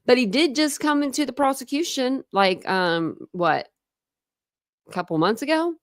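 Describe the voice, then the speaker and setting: A woman with a high-pitched voice and lively intonation hosts a casual true crime livestream, reading and answering viewer comments. Her accent mixes Midwest and Southern American, and she's chatty and rambling, with quick laughing asides. The studio sound is clean with no room sound.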